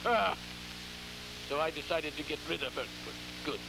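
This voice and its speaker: A man playing a ghoulish, theatrical horror host, halting and repeating his words in a campy, scheming, cackling manner on an old television show. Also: a little high, expressive, creaky. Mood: macabre, gleeful. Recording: noisy, humming vintage television recording.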